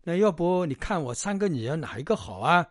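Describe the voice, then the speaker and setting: A man's voice: on the high side, sing-song, fairly quick, no echo, studio quality, pitched above the performer's own voice. Man putting on a bossy scolding widow. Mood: fretting. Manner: bossy, exclamatory haggling. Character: scolding middle-aged widow, matchmaking mother of three.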